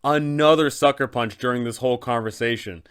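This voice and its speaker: A man with a medium-pitched, clear, resonant voice hosts a casual explanatory guide for tabletop game masters. He talks briskly and a little brightly, giving advice in a conversational way and tossing out rhetorical questions.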